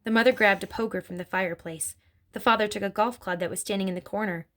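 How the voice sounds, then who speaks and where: A woman reading a children's story aloud in an expressive storytelling manner. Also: medium pitch, fast talker. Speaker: narrator.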